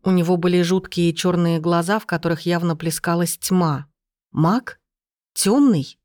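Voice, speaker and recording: A reader narrating a first-person fantasy audiobook in an even delivery. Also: medium pitch, measured pace, no echo, studio quality.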